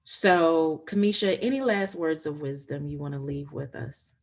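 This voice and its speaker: A woman whose voice sits low and darkish speaks at a moderate pace on dull audio, hosting a casual podcast interview. As a coach and host, she's emphatic and enthusiastic, repeating her phrases for stress.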